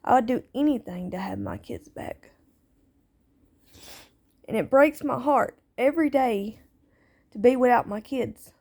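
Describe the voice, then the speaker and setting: A woman's voice: a little high, measured pace, long pauses, warm tone. A woman speaking out as a parent in a personal monologue, plaintive and aggrieved, repeating herself with nonstandard grammar. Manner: plaintive, aggrieved, repetitive phrasing.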